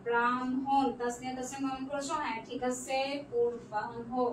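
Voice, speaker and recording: A woman's voice: sits high, flat delivery, brisk. Young female online tutor, roomy echo, faint background hiss. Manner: patient, checks answers one by one, mixes in English words. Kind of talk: live online class reading student comments. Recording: echoey room, distant mic, faint noise.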